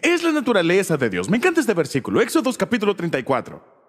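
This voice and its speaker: A man's voice: high voice, wildly swooping pitch, quick pace, slightly rough, long reverb tail. A man preaching a sermon as a pastor, often checking in with the congregation with rhetorical questions.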